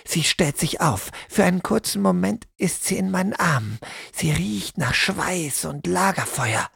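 A man narrating a first-person story in a measured, sombre audiobook manner. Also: high-pitched, lively intonation, gravelly, fairly bright tone, slightly rough, no room sound, clean studio sound.

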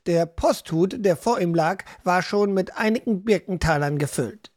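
Male audiobook narrator with an even delivery. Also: high-pitched, moderate pace. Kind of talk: scripted fantasy narration.

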